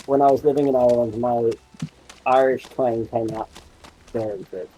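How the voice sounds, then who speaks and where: A man's voice: mid-range voice, steady tone, normal speed, mellow, a little hiss or hum, rough recording. A man with a thick Australian accent, telling stories in easygoing casual chat. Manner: easygoing storyteller. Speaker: guest.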